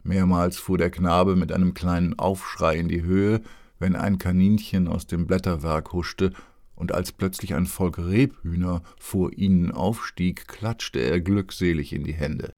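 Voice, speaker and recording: A man narrating an audiobook in a calm, even storytelling manner. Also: sits low, unhurried.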